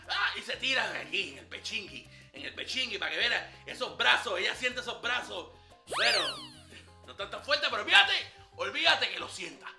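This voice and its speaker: Brash flirty ladies' man, very high voice, lively swaggering comedy banter, roomy echo. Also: full character voice. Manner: swaggering slangy banter, calls listener papá. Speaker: comic character giving dating tips. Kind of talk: comedy sketch monologue.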